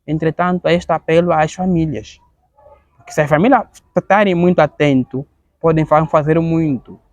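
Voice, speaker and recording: A man in his thirties speaks Portuguese with an Angolan accent. His voice sits somewhat high with a gravelly edge, and his earnest testimony halts often as he repeats words. The recording is dry and dull, like a cheap lo-fi mic. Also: fairly even intonation, a little mellow, no echo. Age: 30s. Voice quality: gravelly, halting with frequent word repetitions.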